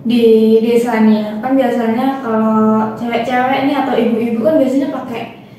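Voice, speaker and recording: A woman's voice: on the high side, steady tone, moderate pace, warm tone, slight background noise. A young woman on a book discussion panel, retelling examples casually with quoted thoughts. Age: young adult. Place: small studio at a table. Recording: roomy echo from far off, music behind.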